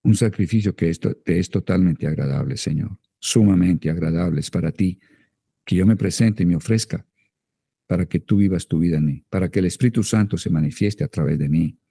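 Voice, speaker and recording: Colombian male pastor, very deep gravelly voice, fervent led prayer, slow chanting. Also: mellow, no room sound, studio quality. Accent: Colombian Spanish. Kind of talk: led prayer and speaking in tongues.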